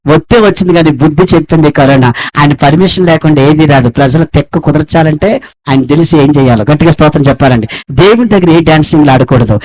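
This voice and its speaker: A man's voice: a little high, fast talker, darkish tone, poor audio. A man from India preaching a sermon, asking rhetorical questions and calling for praise in fervent, rising exhortations. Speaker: pastor.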